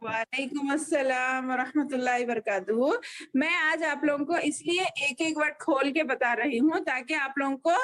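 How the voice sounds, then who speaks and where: A woman's voice: high voice, a bit bright. A woman teaching a children's Quran class over a video call, patiently spelling out each letter and vowel.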